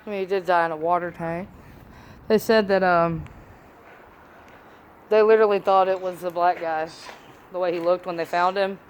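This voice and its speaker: A woman with a slightly low voice talks casually as an amateur paranormal investigator. She is blunt and informal, swearing freely. The phone recording has some background noise. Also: steady tone, moderate pace, pauses often. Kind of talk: casual ghost-hunting chat. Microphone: phone camera. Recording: noisy on-location phone video recording.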